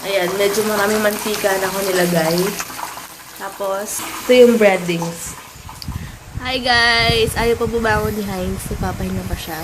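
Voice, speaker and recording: A woman's voice: medium pitch, fairly even intonation, normal speed, noisy background. A young woman with a stuffy cold, chatting casually at home while cooking, rambling and laughing often. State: congested with a cold. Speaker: vlogger. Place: home kitchen.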